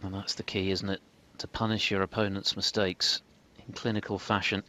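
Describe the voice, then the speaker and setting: A man giving measured, hushed television snooker commentary, dropping in statistics. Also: deep voice, little pitch movement, a little hiss or hum. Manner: measured, statistic-laden delivery. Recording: crowd and hall ambience behind. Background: snooker audience ambience.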